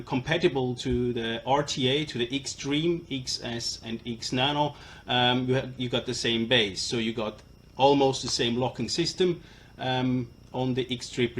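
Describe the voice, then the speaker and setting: Halting man with a broad Swiss German accent. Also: mid-range voice. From Switzerland. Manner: halting and hesitant, apologetic non-native English speaker. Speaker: presenter of a product demonstration. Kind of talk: informal live product presentation. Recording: live stream with clear background noise.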